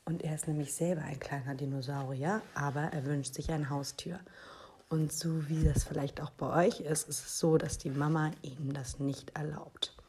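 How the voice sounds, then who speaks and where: A teacher presenting a school book podcast for first graders and reading a children's book aloud in a clear storytelling manner. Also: female voice, low voice, steady tone, slight background noise. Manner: warm-hearted, slow, clear storytelling for young children.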